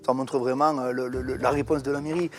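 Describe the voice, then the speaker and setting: A middle-aged man, a farmer running a farm cabaret, talking loudly and heatedly in an interview. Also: mid-range voice, level tone, quick pace. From Italian descent. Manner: loud, talks with his hands.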